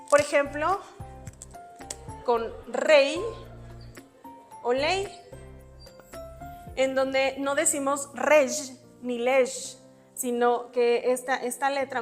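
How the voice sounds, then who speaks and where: A woman giving an exam-prep spelling lesson, patiently explaining rules step by step with examples while writing on a board. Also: high-pitched. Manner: writes on a board while talking. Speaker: spelling teacher.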